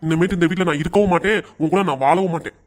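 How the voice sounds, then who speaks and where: A man voicing a patient middle-aged cartoon father who answers his wife and son softly and defensively. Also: on the high side, very fast, close to an everyday voice. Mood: pleading. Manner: soft, pleading and defensive. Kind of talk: cartoon voice acting.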